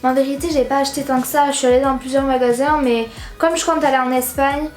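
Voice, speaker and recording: Chatty high-voiced teenage girl vlogging. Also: steady tone, quick pace, darkish tone, echoey room, soft background music. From southern France. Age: teens. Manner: chatty, rambling, slangy with frequent fillers. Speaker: YouTuber. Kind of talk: casual haul vlog.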